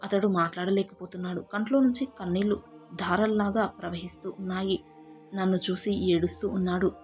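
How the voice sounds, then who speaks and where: A woman telling a first-person family story in a steady, heartfelt way. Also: medium pitch, brisk. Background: faint background music.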